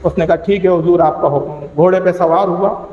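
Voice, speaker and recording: A man's voice: sits high, fairly even intonation, muffled recording. A man with a Pakistani accent preaching an emotional storytelling sermon, acting out the voices of the people in his story. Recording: echoey hall with faint hum.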